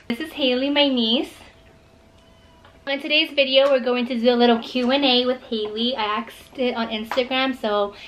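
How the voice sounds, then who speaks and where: A woman's voice: fairly high pitch, fairly even intonation, normal speed, a bit bright, slight background noise. A woman hosting a casual mukbang vlog, chatting upbeat and playful with a child beside her. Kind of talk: casual chat to camera.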